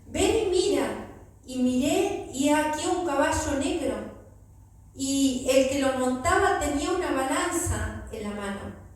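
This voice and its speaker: A woman preacher with an Argentine Spanish accent, reading scripture aloud slowly and steadily in a church sermon. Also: sits high, darkish tone. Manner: slow, measured reading aloud. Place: church hall. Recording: very echoey room, mic far off.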